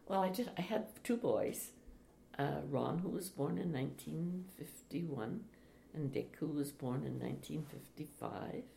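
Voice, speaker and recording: An older woman, a retired teacher, speaking slowly and reflectively in an interview. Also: sits low, animated, creaky. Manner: slow, reflective, with soft laughs. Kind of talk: oral history interview. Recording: echoey room, faint hiss.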